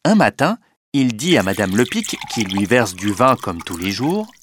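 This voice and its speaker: A man reading a children's story aloud in an expressive, unhurried way. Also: fairly low pitch, slight background noise. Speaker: narrator.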